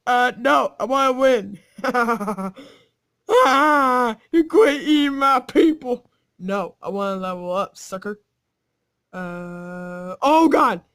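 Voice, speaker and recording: Giggly female game commentator, slightly high, unhurried; taunting whispers, sudden shouts. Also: expressive. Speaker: gaming channel host.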